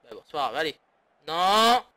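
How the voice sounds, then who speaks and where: Man, gaming commentary, sarcastic, grumbling, bright tense tone, fairly high pitch. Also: normal speed, dry recording. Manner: sarcastic, grumbling, swears often. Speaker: gaming YouTuber. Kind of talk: casual let's-play commentary.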